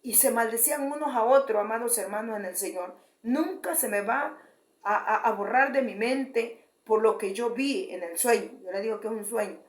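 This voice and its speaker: A woman giving a fervent testimony sermon, often repeating her address to the congregation and restarting phrases. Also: fairly high pitch. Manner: repeats "beloved brethren", halting restarts. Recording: roomy echo.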